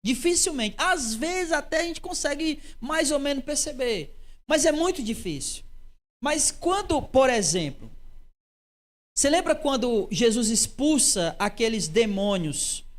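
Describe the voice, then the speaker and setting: A woman leads a church Bible study with an expressive, lively delivery. Her voice sits a little high for a woman, and she keeps drawing listeners in with rhetorical questions. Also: measured pace. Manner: expressive, acts out quoted lines, frequent rhetorical questions. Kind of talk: doctrinal Bible study teaching.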